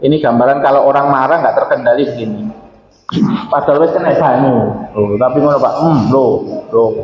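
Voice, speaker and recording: A man with an East Javanese accent giving a lively, joking sermon to a mosque congregation. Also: medium pitch, brisk, slight background noise. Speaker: Islamic preacher. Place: large mosque hall. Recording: echoey, dull mosque sound.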